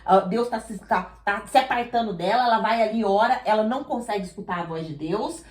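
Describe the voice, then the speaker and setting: A woman's voice: mid-range voice, a little fast. A woman preaching to a women's group, emphatic, often checking that her listeners follow and acting out little dialogues. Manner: emphatic, asks listeners "entendeu?", acts out dialogues. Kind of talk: sermon. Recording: echoey room.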